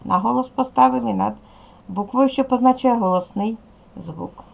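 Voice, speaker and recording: A woman's voice: fairly high pitch, moderate pace. A middle-aged woman teacher giving a recorded video lesson to young children, patiently explaining each task. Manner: patient, clear instructions to children. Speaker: primary school teacher.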